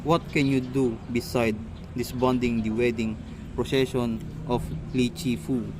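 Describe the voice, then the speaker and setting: A man with a medium-pitched voice plays a self-important scholarly magistrate in an amateur stage-style radio drama reading, speaking formally in a commanding mood. His delivery is halting and stumbling, only lightly acted. The amateur recording is noisy, with steady background noise.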